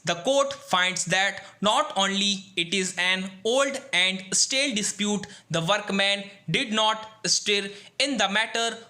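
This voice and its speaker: High, bright Indian man dictating. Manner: dictating in measured phrases, calling out punctuation. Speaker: shorthand dictation reader. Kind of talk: dictating formal legal text for shorthand practice.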